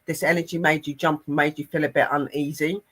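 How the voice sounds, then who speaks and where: A man's voice: a little high, little pitch movement, quick pace, pushed and bright, breathy edge. A man, co-hosting and passing on a channeled spirit message in an earnest, rambling way. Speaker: spiritual medium co-host.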